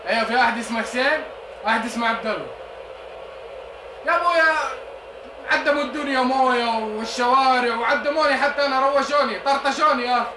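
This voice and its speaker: A man's voice: very high voice, fast. A whiny hot-headed young man. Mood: complaining. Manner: shouts, threatens, whiny. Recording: echoey, noisy old TV audio.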